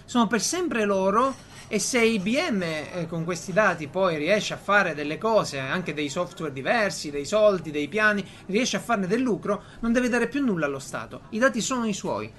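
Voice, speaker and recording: Animated Italian-speaking man chatting, repeating for emphasis. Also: high-pitched, moderate pace, few pauses, slight background noise. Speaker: podcast host. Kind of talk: casual chat.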